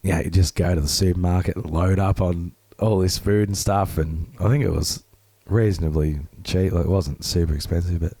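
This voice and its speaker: A man with a hoarse, grating, strained voice, chatting casually as a podcast co-host. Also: low voice, steady tone, normal speed, few pauses, mellow, no echo. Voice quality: grating, rough. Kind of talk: casual chat.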